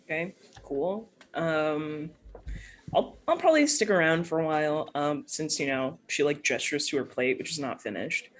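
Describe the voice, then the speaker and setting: A woman's voice: sits low, lively intonation, moderate pace. A woman narrating as game master in a tabletop game, casual and hesitant, with many fillers.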